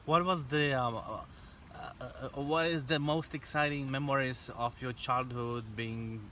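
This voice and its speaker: A man's voice: mid-range voice, steady tone, unhurried, pushed and bright. A man in his thirties hosting an outdoor interview and speaking English with a non-native accent. He asks questions eagerly, with hesitant fillers. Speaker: host and interviewer. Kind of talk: casual interview. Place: outdoors in a sunny park by a pond. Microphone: camera mic at a distance. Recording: distant outdoor mic, faint background noise.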